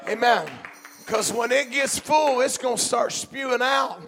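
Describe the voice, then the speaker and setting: A man preaching a sermon in a church, fervent and shouting in bursts, punctuated with amens and hallelujahs. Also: extremely high pitch, measured pace, creaky.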